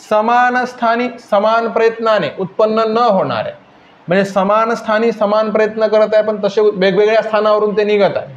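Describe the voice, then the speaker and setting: A man with a Vidarbha Marathi accent teaches a grammar lesson in a high voice, repeating points and quizzing his students again and again. The room is echoey, the highs are cut off, and there is slight background noise.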